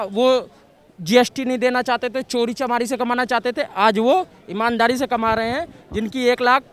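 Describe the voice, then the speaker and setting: A man from Uttar Pradesh giving blunt, emphatic opinions to a street reporter outdoors in a city. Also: very high-pitched. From Uttar Pradesh, India. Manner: emphatic, blunt, repeats points forcefully. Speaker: passerby interviewed on the street. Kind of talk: street vox-pop opinion.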